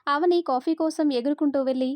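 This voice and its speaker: A woman narrating a story in a steady, expressive reading voice. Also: high-pitched, brisk, no echo.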